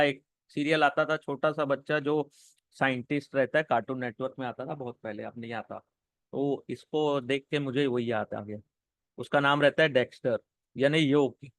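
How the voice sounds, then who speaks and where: A man's voice: medium pitch, normal speed, a bit bright, dry recording. A man teaching an English vocabulary lesson, spelling words letter by letter and often saying "okay" between them.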